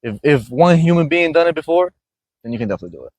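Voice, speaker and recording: A man's voice: on the high side, sing-song, rapid-fire, darkish tone. Earnest man, motivational podcast host. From Iraq. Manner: earnest, repeats "you know what I mean". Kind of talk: casual motivational conversation. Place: gym.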